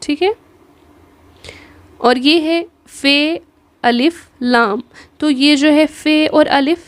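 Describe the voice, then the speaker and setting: A woman with a Kashmiri accent giving an exam-prep lesson on the Urdu script. She spells out the letters slowly and keeps checking in with her students. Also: high-pitched, dry recording. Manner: patient, repeats "theek hai", spells letters slowly. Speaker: Urdu teacher.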